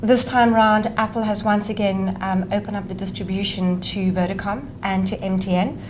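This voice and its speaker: A woman answering interview questions as a retail guest, measured and often hesitating with fillers. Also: medium pitch, fairly even intonation, darkish tone, rough recording. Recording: noticeable background noise.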